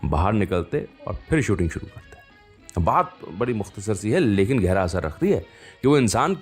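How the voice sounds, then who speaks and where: In a lowish, sing-song voice at a moderate pace, a man presents a radio show, swapping stories and conversation with listeners between songs and making frequent asides. Soft music plays in the background.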